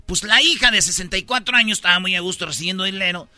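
Mexican guy hosting radio, super bright high voice, dry close sound. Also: quick pace, no room sound. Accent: Mexican Spanish. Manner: jokey storyteller, slangy. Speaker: radio show host. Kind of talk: casual comedic radio chat.

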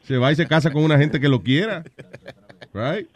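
A man's voice: on the high side, lively intonation, moderate pace, dry recording. A man in a casual group chat, joking and mixing English phrases into his talk.

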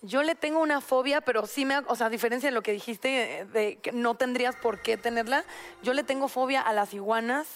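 A woman's voice: a little high, a little fast. A woman co-hosting a talk show, asking curious questions and telling her own story. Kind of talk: casual chat.

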